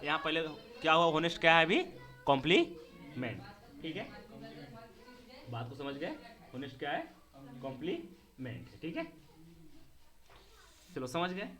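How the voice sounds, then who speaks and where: A man's voice: on the high side, very animated, moderate pace, long pauses, sharp tone. A man teaching a grammar lesson to a class. He speaks, repeats key words and keeps asking whether the students understand.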